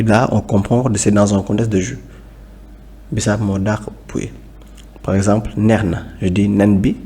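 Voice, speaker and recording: A man teaching a language lesson, calmly repeating each word for pronunciation practice. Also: on the low side, slightly rough.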